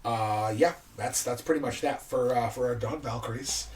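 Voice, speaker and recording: A man co-hosting a podcast, casually chatting about his tabletop game characters in a relaxed, explanatory way. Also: medium pitch, normal speed. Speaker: podcast co-host. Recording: distant mic with faint background noise.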